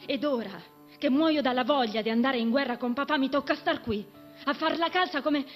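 A woman's voice: high voice, slow pace, faint music behind. A woman voicing a fiery, tomboyish teenage girl who talks in an impassioned, outspoken way. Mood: indignant.

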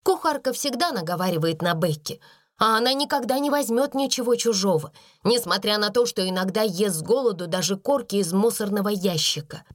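A woman's voice: medium pitch, expressive, fairly quick, no room sound, clean studio sound, lightly acted. A woman voicing a proud, hungry young schoolgirl who speaks earnestly in a storybook reading. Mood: bitter earnest.

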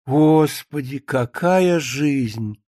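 A man's voice: on the high side, drawn-out words, dark tone, no room sound, studio quality. A man reading a play aloud, voicing a naive young maid who swoons over a romance novel. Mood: dreamy.

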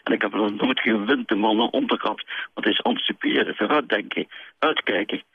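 Gravelly older man calling in by phone. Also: on the low side, brisk, no room sound. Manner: rambling, insistent, hesitant with many fillers. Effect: heard over a telephone line. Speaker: radio show caller. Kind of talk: call-in radio chat. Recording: dry, tinny phone line.

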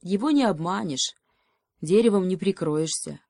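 A woman's voice: on the low side, lively intonation, moderate pace, darkish tone, no room sound, clean studio sound. A woman voicing a sensible, fretting male hedgehog who reasons things through aloud. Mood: warning. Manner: thoughtful, reasoning, sighing.

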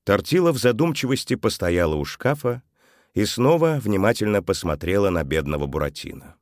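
A man narrating a children's story audiobook in a calm, even manner. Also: on the low side, a little fast, no room sound, clean studio sound.

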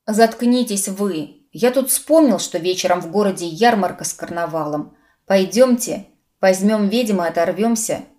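A woman voicing a curt, gruff young male archmage who talks in clipped lines. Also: medium pitch, moderate pace, warm tone, natural voice.

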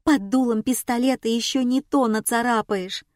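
A woman voicing a frantic middle-aged mother who wails in shrill, panicky outbursts. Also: steady tone, moderate pace, darkish tone, dry recording, clean studio sound, close to an everyday voice. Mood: panicked.

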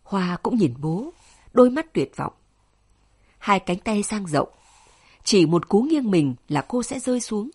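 Husky-voiced woman narrating a novel. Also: mid-range voice, expressive, unhurried, pauses often. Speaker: audiobook narrator.

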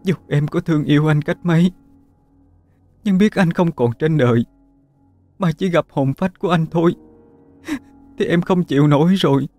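A man's voice: normal speed, pauses often, a little mellow, soft background music, natural voice. A man voicing a grief-stricken young wife who sobs and pleads with her dying husband in a ghost story. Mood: desperate pleading. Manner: sobbing, pleading, high and strained.

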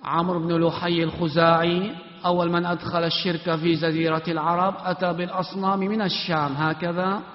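A man teaching an Islamic study class, quizzing students one by one in a commanding, brisk way with a sometimes chant-like delivery. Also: high voice, flat delivery. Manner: commanding, brisk orders to stand and sit. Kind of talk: classroom question and answer. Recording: echoey hall, dull lo-fi sound.

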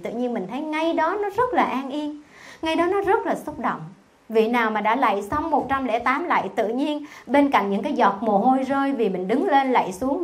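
A Buddhist nun gives a Dharma talk in a clearly high voice. She speaks conversationally and keeps asking her listeners questions. When she recites scripture she slows into a soft, gentle chant. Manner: conversational, asks the audience questions often. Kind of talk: Dharma talk to a temple audience.

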